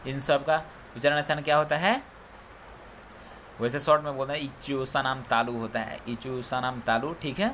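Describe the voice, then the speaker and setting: A male coaching teacher walks students through Hindi sounds, repeating each letter and checking in constantly. His voice sits at an ordinary middle pitch. A faint hiss of background noise runs under the recording. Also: fairly even intonation, moderate pace, a bit bright. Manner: drilling, repeats "ठीक है" often.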